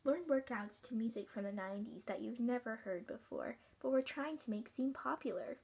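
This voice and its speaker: Husky, high-voiced infomercial fitness host played by a woman. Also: darkish tone. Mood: salesy, upbeat. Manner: salesy, rhetorical questions, deliberate emphasis. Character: earnest female fitness infomercial host, a doll. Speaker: infomercial presenter. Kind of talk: parody infomercial pitch.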